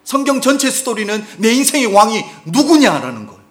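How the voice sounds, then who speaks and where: A male pastor delivers an animated sermon in a high voice that leaps up and down. He keeps asking the congregation questions and shifts from loud emphasis to near-quiet asides. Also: fairly quick. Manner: animated preaching, asks the congregation questions, swings between loud and soft. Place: church sanctuary.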